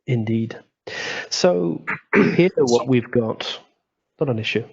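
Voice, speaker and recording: Male workshop moderator, measured summarizer, lo-fi audio. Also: medium pitch, lively intonation, gravelly, a little mellow, slightly rough. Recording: dull lo-fi audio.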